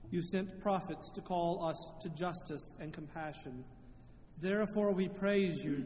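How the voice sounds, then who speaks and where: Higher-voiced male minister praying in cathedral echo. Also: darkish tone. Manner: formal, measured recitation. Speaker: minister leading communion liturgy. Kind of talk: solemn liturgical prayer. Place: large reverberant church sanctuary. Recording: cathedral-like long echo, background noise.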